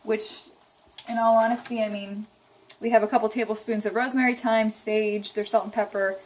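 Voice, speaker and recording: A woman talks through a recipe in a chatty, explanatory way at a middling pitch. It is a casual home kitchen demonstration, with the clear noise of frying and stirring behind her voice. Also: little pitch movement, fairly quick, darkish tone, rough recording. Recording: sizzling pan noise behind the voice. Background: frying and stirring sounds.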